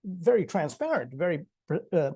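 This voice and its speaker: This Sri Lankan panelist, a man in his sixties, has a mellow, slightly rough voice on the high side, with big pitch swings at a normal speed. He speaks conversationally online, stumbling into restarts, leaning on fillers, and laughing lightly.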